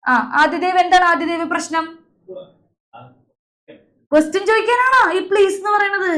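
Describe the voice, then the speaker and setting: A woman's voice: extremely high pitch, normal speed, fairly bright tone. A young woman teacher leading an online class, calling on students by name and drilling letter sounds over a video call.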